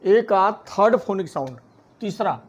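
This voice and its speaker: A man teaching a phonics lesson, spelling words out letter by letter and then saying each one slowly. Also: sits high, lively intonation. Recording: dull lo-fi recording.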